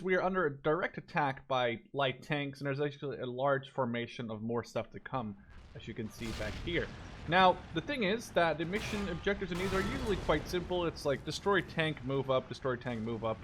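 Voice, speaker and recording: A Dutch man in his twenties, a native Dutch speaker from the Netherlands, makes gaming videos and rambles casually over gameplay, drifting off topic and swearing mildly. His voice is a little high and fairly bright, he talks a little fast, and there's a slight hiss or hum on the recording.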